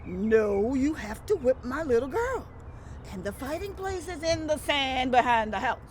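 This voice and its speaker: Woman acting folktale mother, high-pitched, firm, unbothered, commanding, Lowcountry Gullah Geechee accent, noisy recording. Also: very animated, unhurried. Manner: matter-of-fact, firm. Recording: clearly noisy background.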